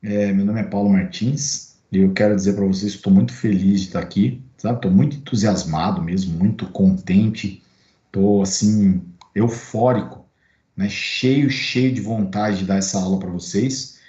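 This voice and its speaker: A man with a Brazilian Portuguese accent putting on a low, slow, droning voice while saying how excited he is. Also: natural voice. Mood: flat monotone. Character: adult male speaker, low and flat while claiming joy. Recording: roomy, dull recording.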